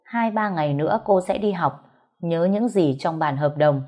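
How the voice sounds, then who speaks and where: A cold, commanding young master, voiced by a woman narrator, snaps out short orders in a lowered, slow, dark voice. This is storybook-reading style, not full acting. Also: highs cut off. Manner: curt, giving orders. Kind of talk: storytelling audiobook.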